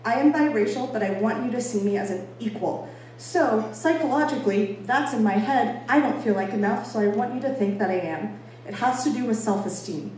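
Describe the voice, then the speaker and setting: Fairly quick and slightly mellow, her voice runs on the high side. The Boston-born speaker offers an informal, emphatic and conversational talk, lightly ribbing herself. Her audience sits in an echoey indoor venue, and the distant mic catches room echo and faint noise.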